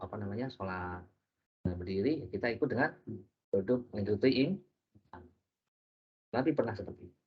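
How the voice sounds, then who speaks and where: A man teaching a religious class, lively and joking, often putting questions to his listeners. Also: lowish voice, breathy edge. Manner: lively, jokey, asks the audience questions. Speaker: preacher. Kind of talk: interactive religious lesson. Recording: dull lo-fi recording.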